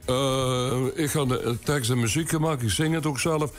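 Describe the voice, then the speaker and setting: A man in his eighties with a broad Limburg Dutch accent, telling anecdotes in dialect in a folksy, unhurried interview style. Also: mid-range voice, soft background music. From Limburg, the Netherlands. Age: 80s. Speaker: guest, amateur songwriter.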